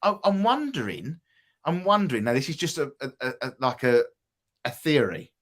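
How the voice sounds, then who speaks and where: A man's voice: mid-range voice, big pitch swings, moderate pace, a bit bright. A man with an Essex accent hosting a live podcast, chatting in a rambling way with restarts. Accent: Essex English. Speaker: host.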